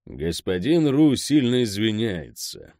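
A man voicing a blunt, gruff male thug who speaks slowly and grumbles. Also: fairly low pitch, sing-song, darkish tone, no room sound, clean studio sound, heavily acted.

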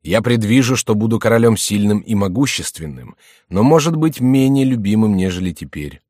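A man's voice: lowish voice, expressive, normal speed, darkish tone, dry recording, clean studio sound. A man voicing an amorous young king, effusive and declamatory, in an audiobook reading. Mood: elated. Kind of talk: audiobook character voice.

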